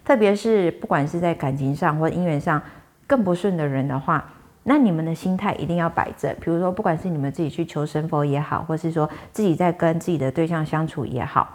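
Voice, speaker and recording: A woman's voice: low voice, brisk, a little mellow. A woman who works as a fortune teller and medium, telling viewers about a client's case in a chatty, conversational way full of fillers. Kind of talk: storytelling monologue to viewers.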